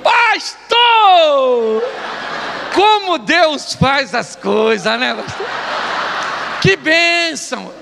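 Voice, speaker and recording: A man voicing an overjoyed male believer who gushes and exclaims loudly. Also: very high-pitched, big pitch swings, drawn-out words, creaky, pauses often, crowd noise, background noise, pitched above the performer's own voice, full character voice. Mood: ecstatic.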